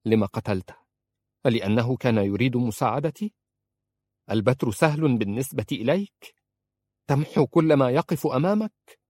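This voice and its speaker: A man's voice: medium pitch, lively intonation, normal speed, pauses often, a little mellow, no echo, voice pushed up, close to an everyday voice. A man reading an audiobook, voicing a frightened but defiant young woman who pleads and accuses. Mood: accusing.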